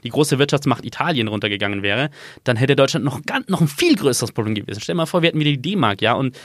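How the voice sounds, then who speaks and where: A man as a podcast guest, explaining complex issues in a rambling, animated way. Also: mid-range voice, quick pace, no room sound, clean studio sound. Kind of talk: casual explanatory conversation.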